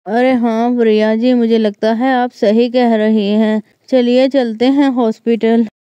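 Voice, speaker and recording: A woman's voice: a little high, little pitch movement, measured pace, dark tone, smooth, no echo, muffled recording, lightly acted. A woman voicing a young village husband in a doll story, groaning and pleading over a stomach ache. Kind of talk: doll story role-play.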